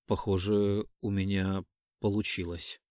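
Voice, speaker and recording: A dazed young man, barely above a murmur, answering from far away inside his own head, as a male narrator puts him on. His words come low and soft, with long gaps between them. The sound is dry and close. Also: extremely slow, dry recording. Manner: quiet, low, distant. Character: dazed, withdrawn young man after a vision. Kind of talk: audiobook character reading.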